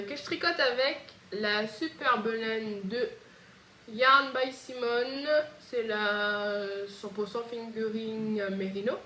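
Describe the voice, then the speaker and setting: Host, female, Réunion French accent; casual, hesitant chat, slightly high pitch, echoey room with faint background noise. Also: fairly bright tone. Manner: chatty, hesitant, frequent pauses. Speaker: knitting podcast host.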